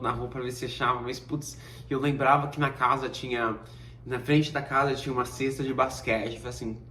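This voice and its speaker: Speaking in a medium-pitched voice far from the microphone, this vlogger, a Brazilian man in his thirties with a Brazilian Portuguese accent, casually recounts something that happened to him. He performs the quoted lines with energy, and the audio carries roomy echo and faint noise.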